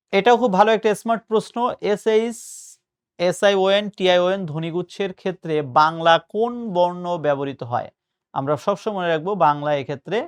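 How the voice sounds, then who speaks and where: A man's voice: high voice, smooth. Man tutoring on pronunciation. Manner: patient, explanatory, mixing English words. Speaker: admission test tutor. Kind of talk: casual spoken lesson.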